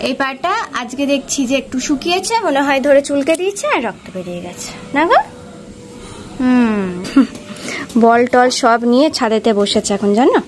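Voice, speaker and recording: A woman from West Bengal, hoarse with a cold, chatting to her vlog audience and gently coaxing her small daughter at home. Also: sits high, expressive, normal speed, a little hiss or hum. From West Bengal, India. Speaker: vlogger mother. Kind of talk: casual home vlog talk to camera and child.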